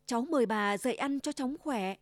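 Cheerful little girl in red, voiced by a woman, raised high pitch, polite and eager, storybook, dry close sound. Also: brisk, no room sound, close to an everyday voice. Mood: sweet.

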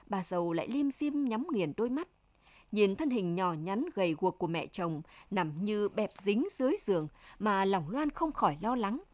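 A woman's voice: mid-range voice, dry recording. Woman narrating a story, dry sound. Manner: reads every character's lines in her own voice.

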